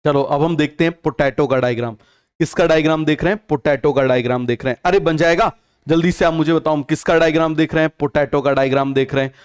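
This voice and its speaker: A young man with a fairly high, steady, clean voice teaches biology online at a quick pace. He poses questions and answers them himself, says each term several times over, and blends English terms into his Hindi.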